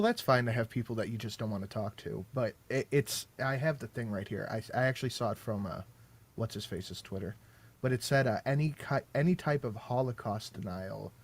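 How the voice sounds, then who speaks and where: Casting: male caller, mid-range voice, hesitant and halting. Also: medium pitch. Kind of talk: casual livestream debate.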